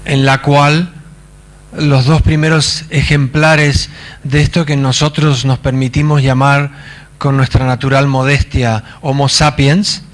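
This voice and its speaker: A man from Argentina, giving a conference talk in a halting manner with many fillers and wry asides. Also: mid-range voice, little pitch movement. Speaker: conference speaker. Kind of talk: lecture. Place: conference stage.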